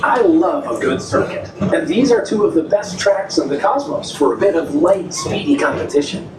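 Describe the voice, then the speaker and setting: An actor playing a cheerful male robot tour guide, narrating the ride in a chipper, bouncy way, heard over outdoor ride loudspeakers. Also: sits high, animated, normal speed, background noise. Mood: upbeat. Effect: played over outdoor ride loudspeakers. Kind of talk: scripted attraction narration. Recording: echoey loudspeaker sound from far off, music behind. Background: ride music.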